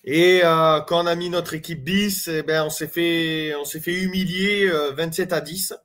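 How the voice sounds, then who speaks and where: Un homme originaire des Landes parle à ses abonnés de façon décontractée, d'une voix plutôt aiguë. Il hésite souvent, multiplie les « euh » et interpelle son public d'un ton familier. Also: male voice, a little high, steady tone, unhurried, a bit bright. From Landes, France. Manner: chatty, hesitant, many fillers, addresses viewers as "les gars". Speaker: rugby fan vlogger. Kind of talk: casual fan commentary to camera.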